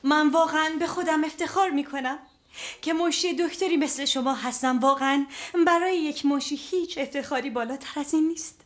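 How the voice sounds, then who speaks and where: An actress playing an earnest secretary whose praise comes out blunt and tactless. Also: female voice, high voice, close to an everyday voice.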